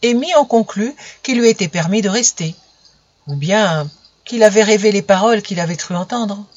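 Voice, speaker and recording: A narrator reading a story aloud in an even, measured way. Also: medium pitch, no room sound, lo-fi sound.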